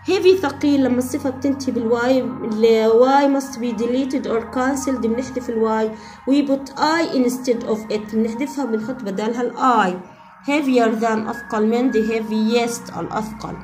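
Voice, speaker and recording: A woman with a Levantine Arabic accent teaching an English grammar lesson, slowly repeating each English word and giving its Arabic meaning. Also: a little high, a little mellow.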